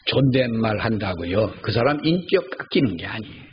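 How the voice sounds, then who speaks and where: With a lowish voice that swings widely in pitch, an older pastor preaches fairly quickly in a church. He relies on storytelling and repeated key phrases to drive points home. Audio quality is slightly dull, with faint noise underneath.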